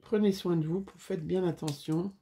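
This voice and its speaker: A woman's voice: fairly low pitch, steady tone, moderate pace, dark tone. A woman chatting casually to viewers while making a scrapbooking craft, with frequent fillers.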